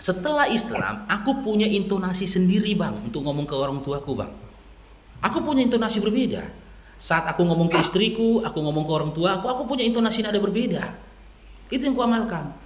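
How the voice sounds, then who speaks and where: Lively Medan-accented man preaching. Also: high voice, fast, roomy sound. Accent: Medan Indonesian. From Medan, North Sumatra. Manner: lively storyteller who acts out quoted dialogue. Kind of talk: persuasive religious talk to a listener.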